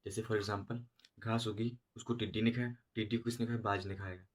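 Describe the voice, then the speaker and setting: A man teaching a school exam lesson, explaining slowly and repeating himself because he has a headache. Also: fairly low pitch, fairly even intonation. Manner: slow, repetitive explaining with many filler checks. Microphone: no proper voice recorder.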